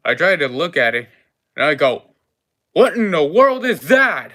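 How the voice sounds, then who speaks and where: A man's voice: medium pitch, normal speed, sharp tone, natural voice. A man voicing a polite, fussy cafe owner in a tabletop game, telling a long-winded story with gasps and exclamations. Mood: flustered. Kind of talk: role-play voice in a tabletop game.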